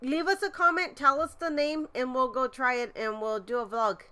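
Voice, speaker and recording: A woman co-hosting a casual live stream, chatty and excitable, while sick with a cold. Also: high voice, moderate pace, clear, resonant tone. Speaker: live stream host and vlogger. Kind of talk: casual livestream chat.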